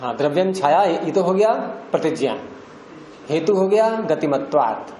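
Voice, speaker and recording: A man's voice: a little high, lively intonation, mellow. An older man teaching a classroom lecture, explaining step by step and quizzing his students. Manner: questioning students, drawn-out explanations. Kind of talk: classroom lecture on Indian philosophy and grammar. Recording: echoey classroom with faint background noise.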